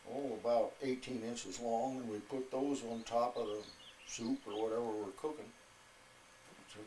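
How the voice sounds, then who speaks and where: A man in his eighties, an old military veteran recalling his service in an interview in a halting, unhurried way. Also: medium pitch, a little mellow. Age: 80s. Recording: echoey room with faint noise.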